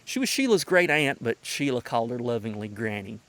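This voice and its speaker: A man's voice: medium pitch, sing-song, fairly quick, a bit bright. A man from the North Carolina mountains with a Southern Appalachian accent, giving a prepared introduction in a folksy storytelling way with emphatic phrasing. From Madison County, North Carolina mountains, United States.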